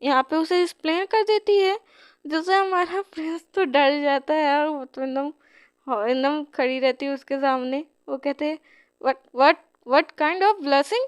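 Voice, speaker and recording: A woman's voice: sits high, steady tone, moderate pace, no room sound, studio quality. A woman with a Hindi accent retelling a romance comic in a chatty, casual way, full of fillers and restarts. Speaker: comic explainer. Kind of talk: casual storytelling narration.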